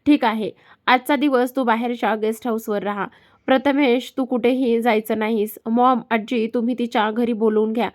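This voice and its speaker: A woman voicing a calm, curt and commanding elder brother giving orders, in a spoken story. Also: a little high, moderate pace, natural voice. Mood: stern.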